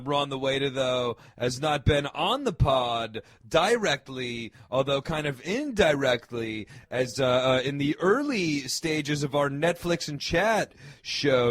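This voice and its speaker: A man co-hosting a podcast over a video call, chuckling and filling pauses with "uh.". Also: medium pitch, dry recording. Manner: chuckling, filler-heavy hosting. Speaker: podcast co-host.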